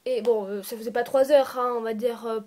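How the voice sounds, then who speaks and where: A woman with a fairly high voice tells a storytime tale in a loose, chatty way. She wanders off on tangents and restarts her sentences, like she's talking straight to her viewers through a phone or tablet. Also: steady tone, a little fast, a little mellow. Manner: rambling, chatty, often restarts and corrects herself. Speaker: storytime vlogger. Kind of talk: casual storytime narration. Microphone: phone or tablet voice recording.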